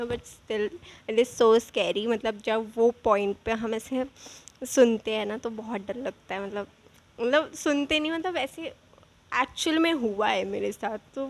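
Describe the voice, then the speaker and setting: Chatty young woman telling a story. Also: fairly high pitch. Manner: chatty, animated, frequent asides. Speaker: vlogger. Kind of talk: casual storytelling.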